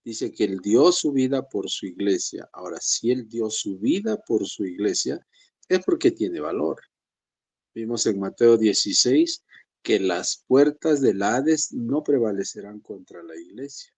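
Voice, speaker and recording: A man in a pastoral teaching session speaks with a warm, mellow tone. He talks to the congregation in a conversational way, calling them brothers, and now and then mimics the excuses of believers. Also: animated, a little slow, husky. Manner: conversational, addresses listeners as brothers; acts out believers' excuses in a higher voice.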